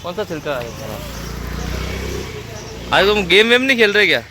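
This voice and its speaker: A man with a high, very animated voice chats at a moderate pace while vlogging in a neighborhood lane, teasing the local kids in a playful way and addressing viewers as "guys." Heavy background noise fills the clip.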